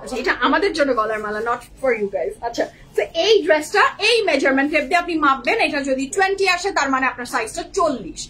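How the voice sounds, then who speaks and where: A woman's voice: high voice, lively intonation, fast talker, hardly any pauses, a bit bright, low-quality recording. A woman hosting a live-stream clothing sale, gushing over each dress and mixing English into her talk; a working mother. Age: young adult or 30s, a working mother. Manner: gushing, mixes English into Bengali.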